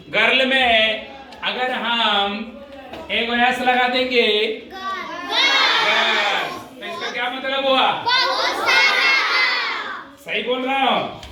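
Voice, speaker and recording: A man teaches a classroom grammar lesson in a very high, bright voice. He keeps putting questions to the class and answering them himself, repeating each point. He sounds set back from the mic in a very echoey room. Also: recorded from a distance.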